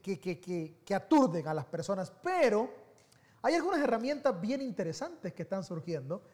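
A man giving a sermon as pastor, telling personal stories in an animated, conversational way that swings between soft and loud. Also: high-pitched, moderate pace.

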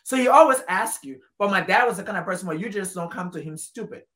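A woman from Liberia talks casually and emphatically, repeating phrases for weight. Her pitch sits at a middle level for a woman, and the room adds a clear echo to her voice. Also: expressive, quick pace, a bit bright. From Liberia, West Africa. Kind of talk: casual conversational discussion. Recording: roomy echo.

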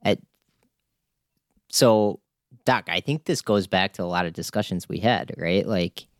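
Man, very deep voice, podcast co-host, hedging casual talk, dry sound. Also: a little slow, no echo. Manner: thinks aloud, hedging with right and like. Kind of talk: casual sports podcast chat.

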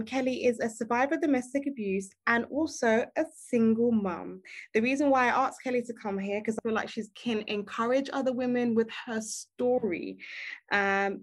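A woman hosting a podcast, introducing her guest and asking gentle, measured questions. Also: a little high. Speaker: podcast host. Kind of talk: podcast interviewing.

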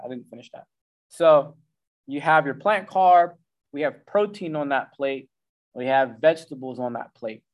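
A man giving casual advice on meal timing and food as a coach, talking loosely with slang and filler words. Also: on the high side. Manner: loose and conversational, slangy, acts out the brain in goofy voices. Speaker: nutrition coach. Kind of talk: casual instructional talk.

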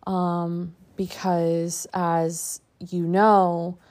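A woman with a slightly low voice speaks at a very slow pace. She delivers a personal, reflective monologue as a podcast host and coach. Her phrases come short and halting, with pauses between thoughts. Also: little pitch movement, a little mellow.

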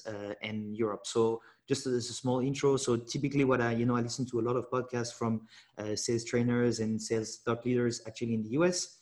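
A man's voice: medium pitch, darkish tone. Hesitant male podcast host. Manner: halting, filler-heavy questions. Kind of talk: podcast interview.

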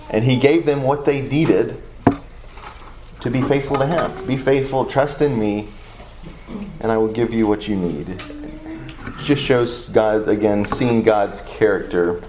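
A man with a Southern US accent leads a Bible study, reading scripture aloud and musing through it in a loose, halting way. His voice sits a little low, with a faint hiss of background noise. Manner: thinks aloud, loose and hesitant. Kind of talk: leading a Bible study discussion.

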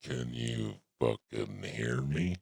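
Voice changer, Jerry the deep caller. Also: male voice, expressive, takes it slowly, creaky, darkish tone, a little hiss or hum, heavily acted. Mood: deadpan. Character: gruff deep-voiced male prank caller. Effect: voice changer making the voice very deep. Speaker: podcast co-host. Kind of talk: joking podcast banter.

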